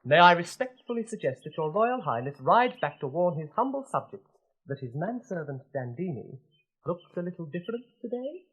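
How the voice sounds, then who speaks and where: A man's voice: high voice, sing-song, normal speed, fairly bright tone, breathy edge, lo-fi sound, heavily acted. A young man playing a kind, bored young prince in a storybook recording, wry, playful and well-spoken. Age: young adult.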